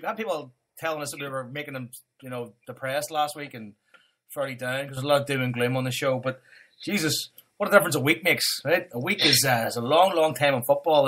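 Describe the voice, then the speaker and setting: A man's voice: a little high, a bit bright. A man hosting a casual football podcast, full of jokey, sweary banter. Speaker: podcast host.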